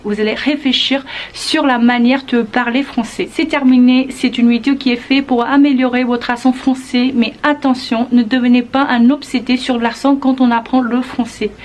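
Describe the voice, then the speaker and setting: A woman teaching in a calm, encouraging manner, explaining step by step with some hesitant fillers. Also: a little high. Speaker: French teacher. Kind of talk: casual video lesson.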